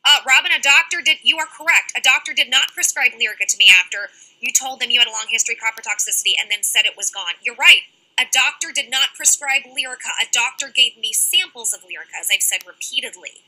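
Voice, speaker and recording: A woman's voice: a little high, fast, pushed and bright, low-quality recording. A young woman hosting a casual livestream, reading out chat comments and answering them directly.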